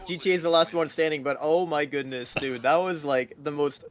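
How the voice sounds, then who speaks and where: A man casting esports live with excited play-by-play, talking in a casual, slangy, exclamatory way. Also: fairly high pitch, brisk, a little hiss or hum. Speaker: esports caster.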